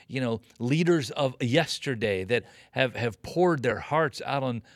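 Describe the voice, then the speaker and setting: A man's voice: medium pitch, animated, unhurried, no room sound, clean studio sound. A man in his late fifties, a pastor being interviewed, talking about leadership in an earnest, preaching way with emphatic repetition. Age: 50s. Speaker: pastor and guest. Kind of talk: conversational interview on ministry leadership.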